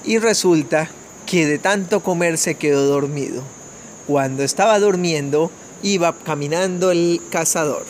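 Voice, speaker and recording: A man from Colombia tells a children's fairy tale in a gentle, unhurried way, and his voice sits a little higher than usual for a man. Faint crickets and insects chirp behind him, and there is a light hiss of noise. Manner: gentle, measured storytelling with small restarts. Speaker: family storyteller.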